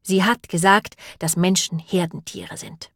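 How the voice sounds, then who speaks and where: A woman reading an audiobook and voicing a clever, thoughtful female sheep who reasons in a calm, deliberate way. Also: lowish voice, dry recording, studio quality. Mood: thoughtful reasoning.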